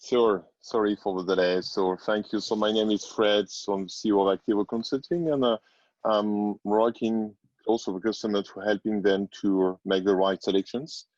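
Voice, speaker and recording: A man's voice: fairly low pitch, fairly even intonation, moderate pace, darkish tone, no echo. A man, a company CEO, introducing himself hesitantly and politely on a webinar over dull, lo-fi call audio.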